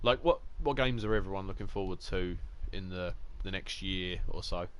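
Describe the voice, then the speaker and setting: This Essex man, a gaming streamer with a low voice and a local Essex English accent, talks at normal speed in a clean, slightly bright tone. His casual live-stream commentary is chatty and jokey, full of rambling and restarts.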